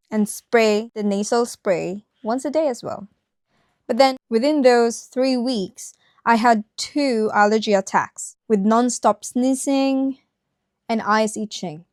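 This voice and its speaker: A woman's voice: fairly high pitch, a little mellow, no echo, studio quality. A woman vlogger narrating a personal story directly to her viewers.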